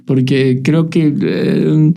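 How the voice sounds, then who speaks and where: Reflective man with a gravelly voice. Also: mid-range voice, animated, very slow, dark tone. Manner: reflective, hesitant, many restarts and fillers. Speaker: podcast host. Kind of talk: casual spiritual conversation.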